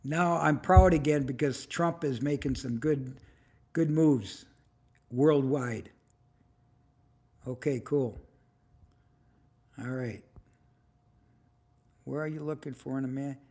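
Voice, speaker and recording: A man in his seventies hosting a casual livestream, chatting with viewers and firing off quick questions. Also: a little high, darkish tone. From United States. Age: 70s. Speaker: livestream host.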